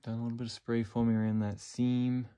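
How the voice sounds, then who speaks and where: A man's voice: medium pitch, brisk, clean tone. A real estate agent, a man, giving a casual walk-through of an old stone basement, talking plainly with fillers as he goes, recorded on a handheld phone. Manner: relaxed, plain-spoken, thinking aloud with fillers. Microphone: phone camera held by the speaker, moving.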